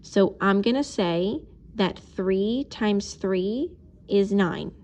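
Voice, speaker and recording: A woman's voice: mid-range voice, slow, a little mellow. A woman teacher recording a math video lesson, talking patiently and explaining each step while she writes.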